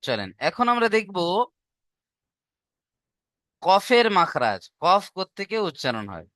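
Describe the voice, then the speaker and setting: Bright clear-voiced male teacher. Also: high-pitched, sing-song, a little slow, dry recording, clean studio sound. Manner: patient, repeats points and asks checking questions. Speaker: Quran recitation teacher. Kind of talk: online class lesson.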